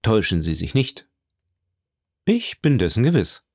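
A man reading aloud voices a polished count who speaks smoothly and with calm authority. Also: on the low side, measured pace, no room sound, clean studio sound, full character voice. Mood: assured, courteous. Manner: smooth, assured and courteous. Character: suave commanding count, polished and smiling.

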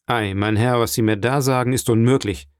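A man voicing an indignant aging French king in an audiobook reading, asking sharp, imperious questions. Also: medium pitch, steady tone, brisk, clear, resonant tone, dry recording, studio quality, close to an everyday voice.

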